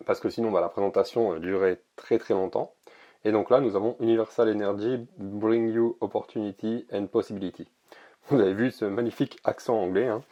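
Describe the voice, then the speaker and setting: A man casually showing an oracle card deck, talking in a relaxed, hesitant way with many pauses and fillers. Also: on the low side, highs cut off. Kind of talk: casual product presentation to camera.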